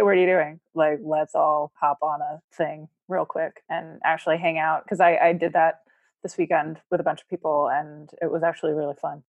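A woman's voice: low voice, a little mellow, no room sound. A woman chatting casually and upbeat on a video call. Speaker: participant at a virtual meetup. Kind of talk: casual chat at an online group call.

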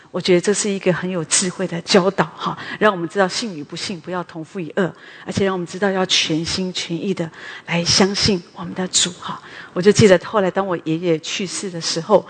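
A middle-aged woman giving a personal testimony sermon at a prayer meeting, chatty and often ending phrases with a soft "ha". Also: lowish voice, husky. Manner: conversational, tags sentences with a soft "ha". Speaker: preacher at a women's morning prayer meeting. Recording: long hall reverb.

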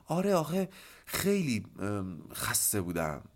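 A man's voice: lowish voice, huge pitch swings. A man voicing a hesitant, defensive male patient. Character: male therapy patient making excuses.

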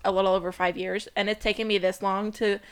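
A woman's voice: medium pitch, little pitch movement, fast talker, smooth. A woman co-hosting a podcast, chatting casually and laughing easily. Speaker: podcast co-host. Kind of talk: casual chat.

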